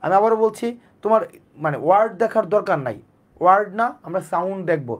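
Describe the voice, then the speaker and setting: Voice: mid-range voice, fast talker. An English teacher, giving a live online class. The teacher repeats sounds over and over and asks and answers their own questions.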